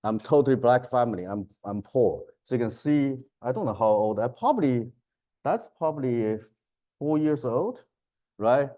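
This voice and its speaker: A man's voice: mid-range voice, expressive, moderate pace, dark tone. A man in his fifties from China, giving a chatty university lecture in broken English on a clip-on mic and laughing often. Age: 50s. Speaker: professor. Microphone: clip-on lapel mic.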